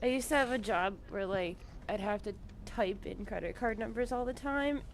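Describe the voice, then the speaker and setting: A woman's voice: mid-range voice, normal speed, a little hiss or hum. A woman streamer chatting casually with her raid group, joking and swearing freely. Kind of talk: casual voice chat while gaming.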